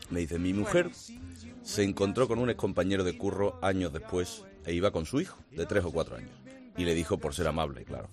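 A man from hosting a morning radio show with a lively, emphatic delivery and playful drawn-out phrases. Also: sits low, soft background music. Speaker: radio host. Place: radio studio. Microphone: studio microphone.

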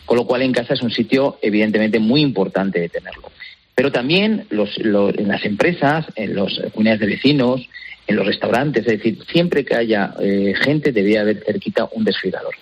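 Husky man selling defibrillators. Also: lowish voice, expressive, fairly quick, dull audio. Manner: earnest, persuasive, repeats himself. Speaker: guest promoting defibrillators. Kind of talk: radio interview.

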